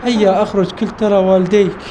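A man reading a friendly talking doll companion's game lines in formal, plain delivery, high in pitch. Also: level tone, fast talker, music in the background, natural voice. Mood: earnest. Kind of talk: reading game dialogue aloud.

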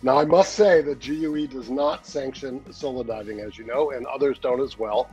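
A man's voice: medium pitch, normal speed, a little mellow, dull audio, soft background music. A man in his sixties, the show's regular editor, chatting casually on a video call from a home study, rambling with many fillers and easy laughs. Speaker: newsletter editor, regular guest. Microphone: webcam on a video call.

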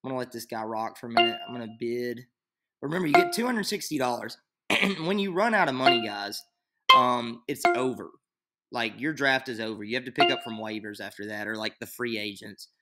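His medium-pitched voice has lively intonation and a fairly quick pace, set against loud music. A young fantasy league tutorial maker, he rambles through an on-screen draft at his computer in a small room, thinking aloud and using many fillers.

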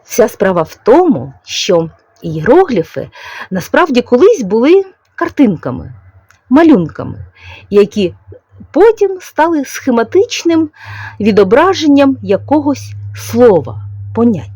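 A woman with a Ukrainian accent talks in a relaxed, chatty way, her pitch rising and falling freely. Her voice is mellow and warm, and the recording is close and dry. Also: husky, no room sound. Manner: chatty and unhurried, with soft diminutives. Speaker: knitting vlogger. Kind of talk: casual chat, explaining calligraphy.

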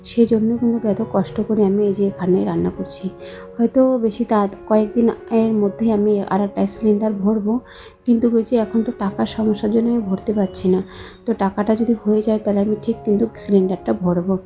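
A young woman's voice-over for a home vlog, slow, soft and hoarse from a cold. Her tone is dark and mellow and stays flat. The sound is a bit dull, with faint instrumental music behind her. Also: medium pitch. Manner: talking slowly and softly, chatty, addressing viewers directly. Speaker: vlogger, housewife.

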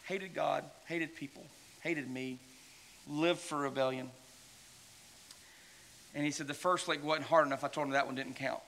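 A man preaches in church in a bright, forceful voice that sits a little high for a man. He talks the congregation through a story in a loose, conversational way, quoting the people in it. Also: fairly even intonation, normal speed, long pauses, slight background noise. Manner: conversational, retells stories with quoted dialogue. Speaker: pastor. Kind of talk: sermon storytelling.

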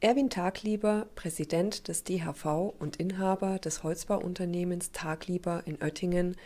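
A woman reporter narrating a trade-event news segment and asking interview questions in a measured way. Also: on the low side, fairly even intonation, dark tone. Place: lecture hall event.

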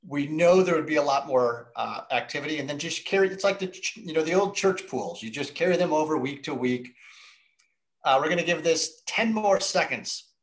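Here the host of a virtual wine tasting, a middle-aged American man, sounds animated and somewhat high-pitched at a normal speed. He chats casually over a video call, and the recording through the call microphone is rough.

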